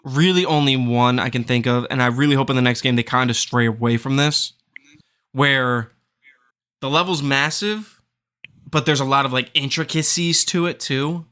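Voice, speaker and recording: Bright-voiced man chatting about games. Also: mid-range voice, moderate pace, clear, resonant tone. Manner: rambling, searching for words. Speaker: podcast host. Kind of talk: casual chat.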